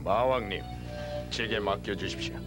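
An actor playing a loyal villain officer in a cartoon, formal, earnest and declamatory. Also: male voice, fairly low pitch, normal speed, lightly acted. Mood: solemn, eager. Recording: old videotape with loud music behind.

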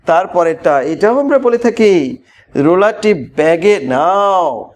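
A man teaching parents spoken English with a Bangladeshi accent, explaining in Bengali and repeating each English phrase slowly, often asking them questions. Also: high-pitched, expressive, darkish tone. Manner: coaxing, asks the listener questions.

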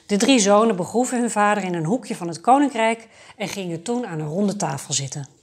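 A woman storyteller reads a fairy tale for adults aloud. Her delivery is calm and measured, at a middling pitch for a woman.

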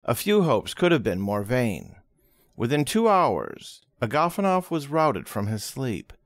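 A man reading a history book aloud as an audiobook, expressive and dramatic, closely recorded. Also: mid-range voice, a little slow, dry recording, studio quality. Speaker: audiobook reader.

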